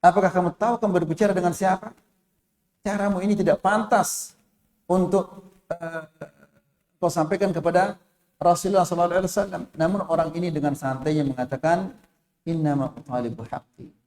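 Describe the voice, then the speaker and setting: A man's voice: high voice, steady tone, fairly quick, long pauses, darkish tone. A man with an Indonesian accent preaching a sermon in a mosque, telling a story and quoting Arabic, raising his voice when he speaks the figures' lines. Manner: storytelling with Arabic quotations, voicing the figures in a raised voice. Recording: echoey mosque hall.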